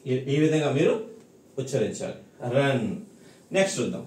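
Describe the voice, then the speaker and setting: A man's voice: high voice, very animated, moderate pace. A male language teacher giving a recorded lesson, explaining patiently and repeating points, often checking that his students follow. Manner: patient, repetitive explaining with frequent check-ins. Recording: echoey room, mic at a distance.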